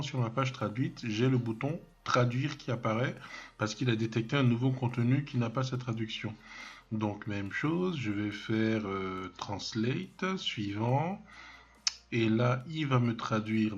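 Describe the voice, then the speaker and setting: A man giving a software tutorial, hesitant and full of fillers and restarts, thinking aloud as he clicks, with self-mocking asides. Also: on the low side, dull audio. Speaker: web development trainer. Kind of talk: screen-recorded software tutorial.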